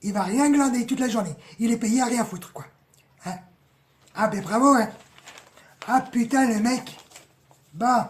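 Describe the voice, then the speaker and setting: Hoarse woman streaming, kinda high voice, chatty and mocking, swears a lot. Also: measured pace, long pauses. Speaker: live streamer analysing song lyrics. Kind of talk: casual live-stream commentary.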